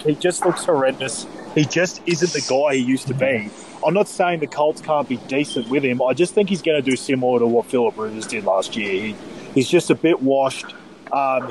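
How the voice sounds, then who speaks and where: A man's voice: mid-range voice, poor audio. An Australian man giving casual sports analysis as a podcast guest, blunt, crude and dryly mocking. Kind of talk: casual sports commentary chat. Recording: clear background noise.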